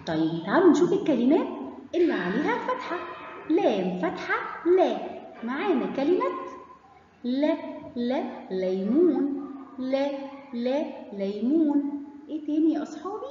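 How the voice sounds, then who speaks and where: A woman's voice: high voice, sing-song, warm tone. A woman with an Egyptian Arabic accent teaching children a letter of the alphabet, drawing out syllables and praising them. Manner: drawn-out syllables, cheerful praise to kids. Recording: echoey, dull, lightly noisy room.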